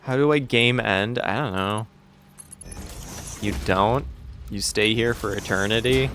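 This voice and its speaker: A man streaming a game live, talking to his chat in an unhurried, drawn-out way. He is playful and teasing, swears freely, and keeps things loose and joking. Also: on the low side, a bit bright, a little hiss or hum. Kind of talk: casual live-stream chat while playing.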